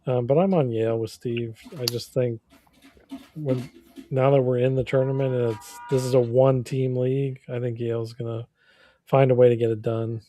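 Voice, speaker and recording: A man in casual betting chat, calmly laying out the context behind his pick. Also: mid-range voice, normal speed, slight background noise. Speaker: co-host.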